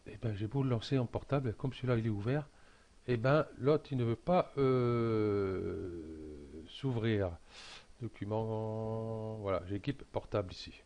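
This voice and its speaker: A man talking through a casual software tutorial, hesitant and full of fillers and restarts. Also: mid-range voice.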